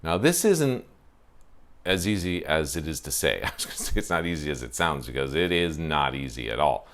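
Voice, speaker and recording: With a very deep yet fairly bright voice, this Ontario man hosts a wine show from a covered porch outdoors, speaking to camera via a lapel mic. His intonation is lively and his pace normal, and he comes across as chatty and self-deprecating, with plenty of fillers.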